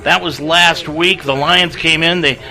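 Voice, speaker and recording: Man, play-by-play radio announcer, brisk stat reading, bright tone. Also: fairly high pitch, fairly even intonation, low-quality recording. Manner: brisk, reads stats and lists. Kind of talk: radio sports broadcast.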